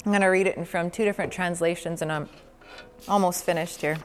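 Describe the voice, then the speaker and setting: A woman's voice: lowish voice, steady tone, quick pace. A woman preacher delivering an emphatic, repetitive sermon in a church. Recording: reverberant hall with soft music.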